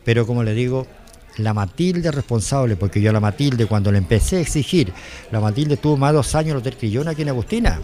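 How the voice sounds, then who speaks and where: A rapid-fire older man with a Chilean accent recounts his past in a rambling interview. He talks fast, loops back on himself, and acts out what others said to him in an even, mid-pitched voice. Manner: rambling, repeats "le dije yo", quotes others. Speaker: interviewee, former driver. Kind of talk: emotional personal testimony.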